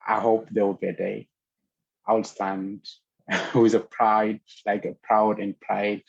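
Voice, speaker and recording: A young man from Ethiopia, a guest on a video call panel, speaking earnestly and haltingly with frequent pauses. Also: on the low side, flat delivery, creaky, husky, no room sound, dull audio. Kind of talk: casual panel talk over video call.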